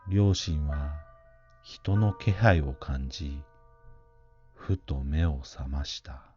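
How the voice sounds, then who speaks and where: A man narrating a scripted ghost story in a hushed, grave, unhurried manner. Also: extremely low pitch, dull audio, soft background music.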